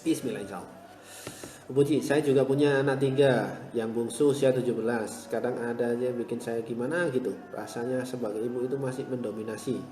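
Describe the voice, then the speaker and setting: A man leads a live online class, reassuring his viewers and repeating gentle encouragements, then getting loud and animated to press a point home. His mid-pitched voice rings through a hard, echoey room, and a long reverb trails each phrase. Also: fairly quick. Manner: reassuring, repeats "ya" and "insya Allah", swings to loud animated emphasis. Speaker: motivational teacher.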